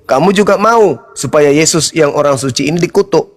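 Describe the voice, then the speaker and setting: High-voiced mocking man debating. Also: a little fast. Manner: mocking, combative, repeats questions, laughs at opponents. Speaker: debater in an online interfaith discussion. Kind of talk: heated debate.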